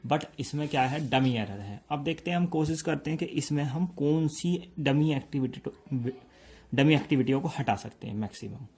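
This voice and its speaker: A man's voice: on the high side, darkish tone, husky. Man teaching step by step. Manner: explains slowly, checks in often. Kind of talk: step-by-step lecture.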